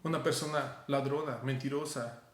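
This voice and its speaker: A man with a Mexican Spanish accent voicing a humbled biblical man, confessing his guilt in a quiet, subdued way. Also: mid-range voice, steady tone, normal speed, close to an everyday voice. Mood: contrite. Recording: roomy echo.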